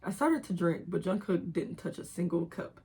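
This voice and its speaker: A woman's voice: fairly low pitch, expressive, moderate pace, a little mellow, husky. A young woman reading her own old writing aloud in an embarrassed, giggly, self-mocking way, casually breaking off to comment. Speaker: reader of own old fan fiction.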